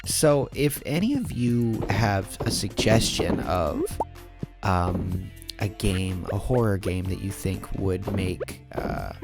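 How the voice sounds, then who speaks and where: A sleepy, yawning man with a low voice and lively intonation talks slowly over gameplay, rambling casually with lots of fillers and restarts. Game music plays clearly in the background.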